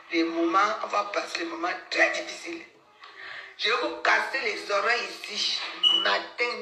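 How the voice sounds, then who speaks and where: Loud excitable woman, very bright voice. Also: mid-range voice, reverberant, rough recording. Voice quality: loud, excitable, talks as if shouting. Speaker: livestream host. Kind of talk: loud casual livestream chat.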